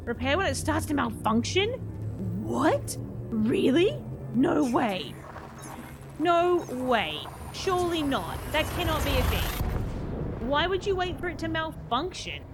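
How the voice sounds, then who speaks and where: A woman streams a game and chats with her viewers in an easy, laughing way. Her voice sits a little high and swoops around a lot. Music plays clearly behind her. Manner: chatty, laughs often, answers chat. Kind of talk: casual live-stream chat while playing.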